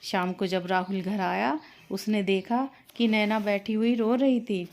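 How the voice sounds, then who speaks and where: A woman narrating a scripted family story in a steady, plain storytelling manner. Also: medium pitch, measured pace.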